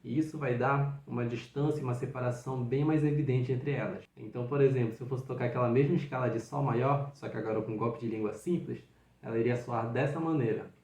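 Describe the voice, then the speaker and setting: A man's voice: mid-range voice, fast talker, a little mellow. Patient man teaching, roomy sound. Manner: patient, encouraging step-by-step explanation. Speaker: flute teacher. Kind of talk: instructional video. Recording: roomy echo.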